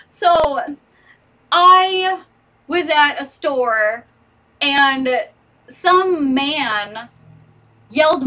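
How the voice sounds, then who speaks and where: A woman vlogger in her thirties, with a high, sharp-toned voice on a distant mic, holds a casual live chat with her viewers. She rambles and laughs frequently, at home with street traffic outside.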